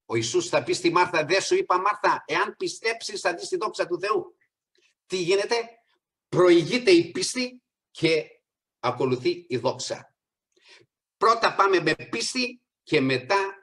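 A middle-aged man with a high-sitting, expressive voice delivers a sermon, addressing the congregation as brothers and sisters. Soft asides give way to raised, emphatic peaks.

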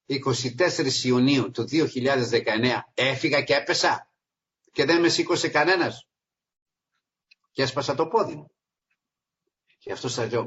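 A man gives an informal sermon, pressing his points with sudden loud emphasis before sinking into quiet, earnest asides. His voice sits at an ordinary middle pitch. The recording sounds dull and lo-fi. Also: breathy edge. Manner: emphatic, swings between loud stresses and low asides. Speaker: lay preacher.

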